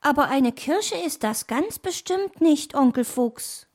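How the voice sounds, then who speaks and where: A woman's voice: sits high, lively intonation, takes it slowly, darkish tone, voice pushed up, full character voice. A woman voicing a sensible young fox boy in a children's audio story, earnest in tone.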